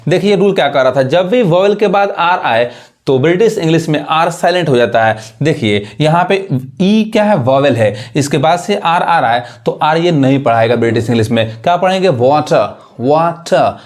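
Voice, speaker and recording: A man's voice: on the high side, lively intonation, a little fast. A man teaching English pronunciation, who repeats example words and keeps checking whether learners follow. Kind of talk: classroom lesson.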